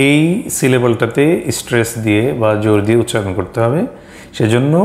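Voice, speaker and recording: Bengali man teaching English rules. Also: medium pitch. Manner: slow step-by-step explanation with examples. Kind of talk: explaining grammar rules. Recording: echoey room.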